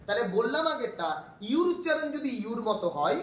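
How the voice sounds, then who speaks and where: A man's voice: extremely high pitch, sing-song, a little fast. Man teaching a class, echoey and distant. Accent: Bangladeshi. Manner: patient, asks the class questions and repeats points. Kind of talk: classroom English grammar lesson. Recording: echoey room from far off, faint noise.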